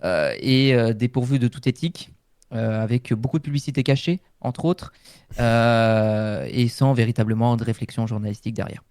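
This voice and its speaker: Man, crisp clear voice, middle pitch, hesitant careful phrasing, casual panel talk. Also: moderate pace, darkish tone, no echo, studio quality. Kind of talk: casual spoken news discussion.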